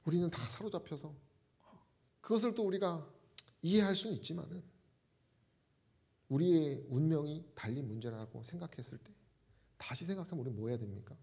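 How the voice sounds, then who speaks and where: A man's voice: on the high side, a little fast, gravelly, long pauses, darkish tone. A man preaching a sermon as a pastor, asking the congregation rhetorical questions.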